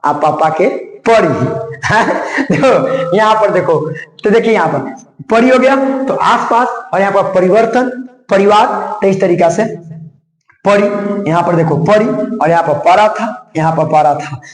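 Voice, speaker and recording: A man's voice: high voice, expressive, measured pace. A male grammar teacher giving a lesson, explaining examples and urging students with moral advice, often adding tag questions and calling the listener his friend. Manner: preachy, addresses listeners as friend, frequent "है ना" tag. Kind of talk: classroom-style lesson explanation. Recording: roomy echo.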